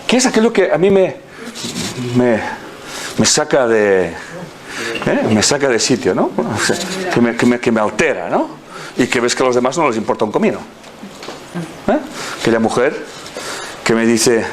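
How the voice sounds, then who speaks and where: Give me a man, middle-aged, with very expressive pitch, telling stories in a talk. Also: slight background noise. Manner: storytelling, acts out quoted people in a higher voice. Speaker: speaker on personal growth. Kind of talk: lively motivational talk.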